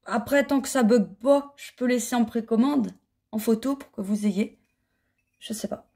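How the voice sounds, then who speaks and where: Chatty woman vlogger, slightly high voice. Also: normal speed, mellow, husky. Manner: chatty, rambling, with frequent restarts and hesitations. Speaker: knitting vlogger and yarn dyer. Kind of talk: casual chat. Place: home living room, on the sofa.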